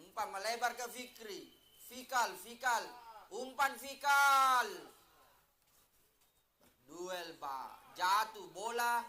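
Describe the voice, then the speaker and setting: High-pitched, bright man commentating football. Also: takes it slowly, echoey room.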